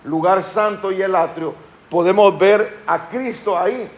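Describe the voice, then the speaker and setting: A man preaching a sermon as pastor of his church, slowing down and lifting his voice when he reads scripture aloud, and calling on the congregation to respond. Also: high-pitched. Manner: asks the congregation questions and calls them to respond.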